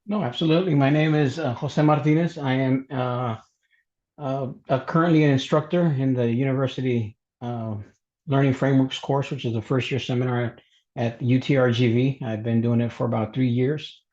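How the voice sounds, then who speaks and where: A man from Mexico who grew up in Texas, introducing himself as a panelist in a webinar, pausing often with fillers and restarts. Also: medium pitch, fairly even intonation, darkish tone. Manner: halting, many fillers and restarts. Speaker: panelist, college instructor. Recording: dull lo-fi webinar audio.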